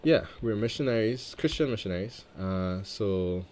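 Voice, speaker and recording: On the low side and darkish in tone, this man's voice is expressive and moves at normal speed. He is a let's-play gamer in his twenties from Trinidad and Tobago, rambling and musing aloud about the game between chatty stories of his own life.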